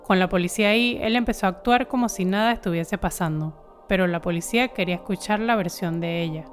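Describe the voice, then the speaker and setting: A woman reading scripted documentary narration in a steady, measured way. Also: medium pitch, soft background music.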